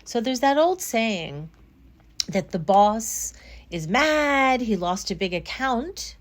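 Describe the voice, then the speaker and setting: A middle-aged woman therapist calmly explaining self-blame through everyday examples, in a reflective podcast talk. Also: on the high side, slow.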